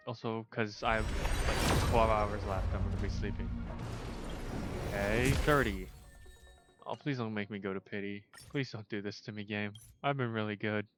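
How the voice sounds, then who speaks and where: A man streaming a video game live, chatting casually, swearing and talking straight to the game with sudden loud outbursts. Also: on the low side, steady tone, normal speed, over loud music. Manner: talks to the game, swears, bursts into loud exclamations. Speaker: livestreamer. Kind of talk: casual gaming livestream commentary.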